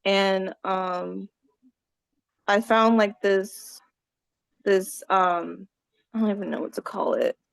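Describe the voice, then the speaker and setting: A woman's voice: medium pitch, steady tone, slow, gravelly, pauses often, clean tone, no echo. A woman co-hosting a casual online gathering, rambling and searching for words over a video call. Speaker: gathering co-host.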